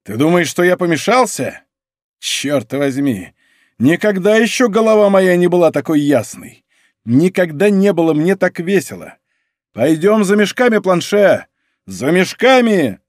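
A man voicing a bold, exuberant musketeer who speaks in a loud, commanding voice. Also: a little high, very animated, normal speed, dry recording, studio quality. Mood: triumphant.

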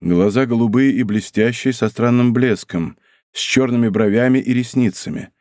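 A man reading an audiobook, voicing a cool, brooding musketeer who speaks in a low, hollow, measured way. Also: darkish tone, dry recording, clean studio sound, lightly acted. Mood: grave. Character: cool, brooding older musketeer, grave and commanding.

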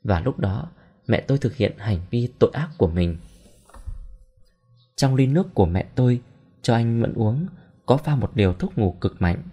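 A man narrating a story in a steady, somber reading voice. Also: mid-range voice, normal speed, long pauses, breathy edge, dull audio. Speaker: audiobook narrator.

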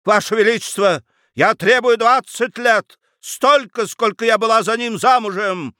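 A man voicing an indignant, shrill baroness who makes outraged demands. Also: unhurried, sharp tone, no room sound, studio quality. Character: shrill indignant baroness, a middle-aged woman.

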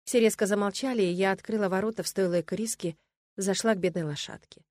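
A woman's voice: medium pitch, quick pace, darkish tone, dry recording. Woman narrating a fantasy audiobook, dry.

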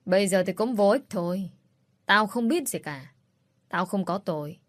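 A woman's voice: mid-range voice, animated, moderate pace, no room sound, clean studio sound, natural voice. A woman voicing a ruthless middle-aged stepmother who speaks with contempt and threats in a read-aloud story. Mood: scornful.

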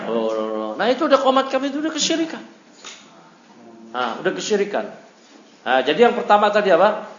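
A man with an Indonesian accent giving a religious study lecture, talking in a lively, conversational way and throwing in rhetorical questions. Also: high voice. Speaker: Islamic teacher. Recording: echoey, dull amateur lecture recording.

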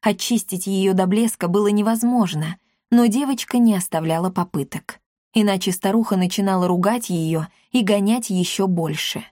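A woman reading a children's book aloud in an even, measured storytelling voice. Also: medium pitch, no room sound, studio quality. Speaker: audiobook narrator. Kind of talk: scripted narration of a children's book.

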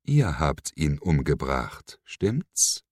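A man's voice: rumbling low, very animated, extremely slow, no echo, clean studio sound, exaggerated voice. A man voicing a frightened but defiant young woman held captive, in an audiobook reading. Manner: breathless, pleading, then defiant.

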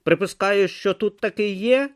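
A man's voice: high voice, moderate pace, pitched above the performer's own voice, close to an everyday voice. A man voicing an irritable, imperious ancient god trapped in the body of a small tortoise, barking orders and sneering. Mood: bossy. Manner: imperious, sarcastic, barks orders.

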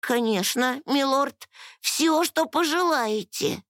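A tiny female fairy maid squeaks in a high, shrill voice, quick to fluster, as a woman reading a storybook puts her on. The sound is close and dry. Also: a bit bright, no room sound. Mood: eager.

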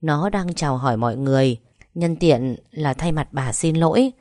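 A woman voicing a calm older husband who gently reasons with his angry wife. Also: sits low, normal speed, no echo, studio quality, natural voice. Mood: calm reasoning. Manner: soothing, persuasive.

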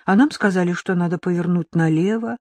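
A woman's voice: lowish voice, fairly quick, darkish tone, dry recording, close to an everyday voice. A woman voicing an earnest, persistent young woman journalist in an audiobook.

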